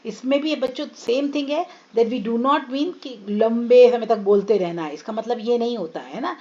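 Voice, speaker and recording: A woman with an Indian English accent teaching phonics to children, sounding out each word slowly and mixing Hindi with English. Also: a little high, dark tone, dull audio. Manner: slow, drawn-out teaching voice, sounding out words one by one; mixes Hindi and English, addresses students as children. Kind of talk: online phonics lesson for children.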